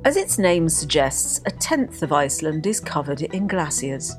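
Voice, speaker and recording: A woman narrating a documentary script with a husky voice. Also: deep voice, very animated, moderate pace, faint music behind.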